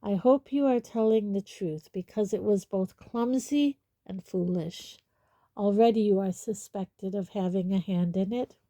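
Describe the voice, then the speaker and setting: A woman's voice: mid-range voice, measured pace, dark tone, no echo, clean studio sound, close to an everyday voice. A woman voicing a cold, stern male teacher who speaks curtly. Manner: curt, cold.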